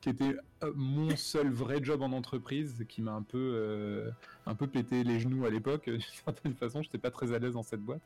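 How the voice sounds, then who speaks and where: A man's voice: medium pitch, normal speed, darkish tone, soft background music. A man talking casually as a guest about his career, hesitant with many fillers and restarts. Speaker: guest, animation director. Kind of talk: casual conversational interview.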